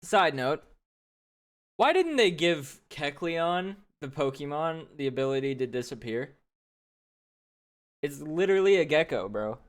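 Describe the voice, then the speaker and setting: A man's voice: fairly high pitch, sing-song, a little slow, long pauses. A man co-hosting a reaction video, chatting casually with blunt, incredulous remarks and slang. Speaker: co-host reacting.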